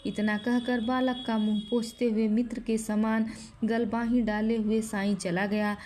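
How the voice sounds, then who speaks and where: A woman narrating a short story aloud in a calm, measured reading. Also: fairly high pitch, slight background noise.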